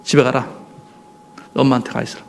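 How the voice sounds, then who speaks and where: A man voicing a father who quietly reassures his frightened son. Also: medium pitch, little pitch movement, fairly quick, gravelly, pitched below the performer's own voice, close to an everyday voice. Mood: stern. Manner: soft, soothing.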